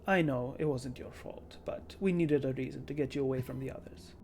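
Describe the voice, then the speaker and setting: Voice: medium pitch, a little fast, a little mellow, natural voice. A game master voicing a suave, menacing male vampire villain who speaks formally and condescendingly, with theatrical recitation in a tabletop game. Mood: falsely soothing. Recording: clearly audible background noise.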